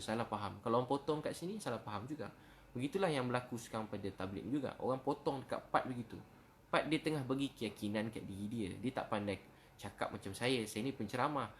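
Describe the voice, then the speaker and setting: This medium-pitched male voice carries a little hiss or hum. He's a religious preacher with a Malaysian Malay accent, delivering a casual question-and-answer talk fast and warmly, with lots of "ha" fillers between phrases.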